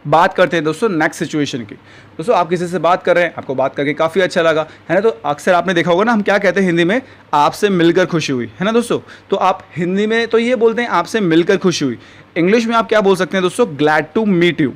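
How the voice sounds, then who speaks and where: An English teacher, a man whose voice is a little higher than most men's, delivers a spoken lesson at a brisk, rapid clip and keeps calling his viewers friends. Whenever he gives an example sentence, he slows right down.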